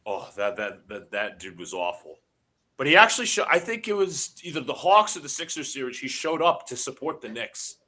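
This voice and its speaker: For his live stream audience, a host with a mid-range voice calls a basketball game play by play, sounding a little stuffy from allergies. He's bright and sharp in tone, keeping up quick, excitable commentary that breaks into shouts on big plays when his team scores.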